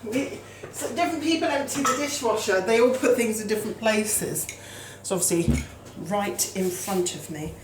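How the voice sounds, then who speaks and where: A woman's voice: medium pitch, moderate pace, few pauses, roomy sound, noisy background. A woman hosting a casual home cooking show, chatty and self-deprecating, talking as she works in her kitchen.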